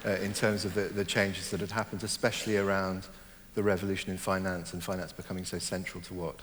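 Speaking slowly and reflectively, a middle-aged novelist and interview guest works through his thoughts, pausing often and full of fillers and restarts. Born in Germany and raised in Hong Kong, he has a fairly low voice with a flat, slightly bright delivery. The room carries a long reverb and a faint background hum.

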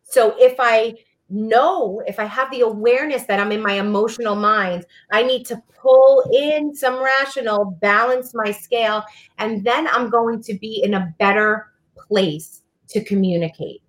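A woman co-hosting a casual talk show, calmly explaining advice for teens like a counselor. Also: on the high side, a little slow. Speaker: podcast co-host giving advice to teens.

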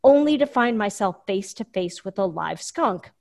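Chatty woman telling a lively story. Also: medium pitch, moderate pace, creaky. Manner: animated, chatty storytelling with fillers. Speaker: guest storyteller. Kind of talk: casual personal story.

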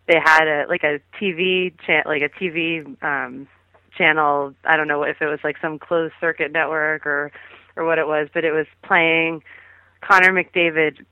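A woman's voice: low-pitched, fairly even intonation, moderate pace, no echo. A woman guest talks over a phone line that sounds thin and tinny. The sound is close and dry, with no room around it. She rambles casually, piling up fillers and restarts as she tells her story. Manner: chatty, rambling with many fillers. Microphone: phone call.

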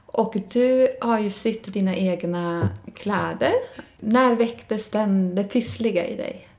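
Gravelly woman interviewer with short questions. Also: medium pitch, darkish tone. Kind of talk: casual interview conversation.

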